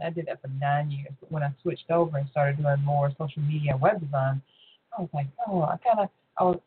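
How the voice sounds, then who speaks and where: A woman from the United States chatting casually and exclamatorily as a solo podcast host. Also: low voice. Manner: chatty, exclamatory, self-answering. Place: home office. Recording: tinny phone line, faint noise.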